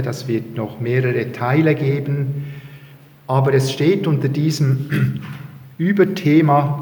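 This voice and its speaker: A man, praying and then preaching from the Bible in an earnest, measured way with pauses and restarts. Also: medium pitch, darkish tone. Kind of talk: prayer and Bible sermon. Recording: roomy hall reverb.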